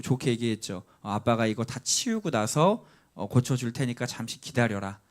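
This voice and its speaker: A man's voice: medium pitch, darkish tone. A man in his thirties, a pastor, telling a personal story in a sermon and acting out his child's cries. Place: church sanctuary.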